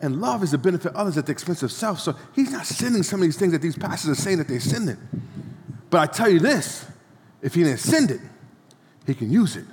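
A man's voice: on the high side, big pitch swings, a little fast. A man preaching a sermon in a church, repeating phrases and leading call-and-response. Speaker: pastor. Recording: long hall reverb.

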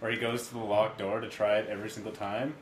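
Low-voiced man in a roomy echo. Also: flat delivery, quick pace. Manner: wry, self-mocking, jumpy. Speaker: podcast co-host playing a horror game. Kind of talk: casual let's-play commentary. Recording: echoey room with background noise.

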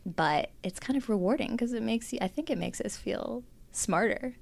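A woman's voice: on the high side, animated, normal speed, vocal fry, a little mellow. A woman co-hosting a podcast, talking thoughtfully and explaining her ideas in detail. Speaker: podcast co-host. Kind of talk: casual academic podcast chat.

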